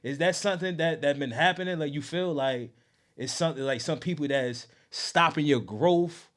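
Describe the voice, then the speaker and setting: A man's voice: fairly high pitch, normal speed. Casual male podcast host with street slang.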